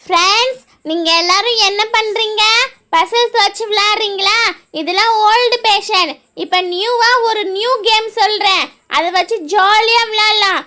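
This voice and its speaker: A woman's voice: extremely high pitch, normal speed, sharp tone. A woman voicing a bossy big-sister girl doll who runs a party game and lays down the rules. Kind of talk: doll-play voice acting.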